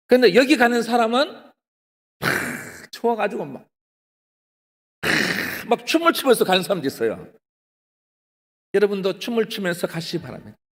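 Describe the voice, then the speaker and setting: A male pastor with a Gyeongsang accent, preaching a testimony sermon and calling out to the congregation. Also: high voice. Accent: Gyeongsang Korean. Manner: animated, often addresses the congregation, acts out his own excited pleading. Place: prayer retreat hall. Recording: long hall reverb.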